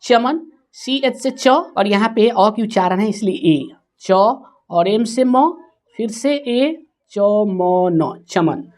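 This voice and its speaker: A woman teaching a spelling lesson, slowly sounding out words letter by letter. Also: a little high, animated, darkish tone.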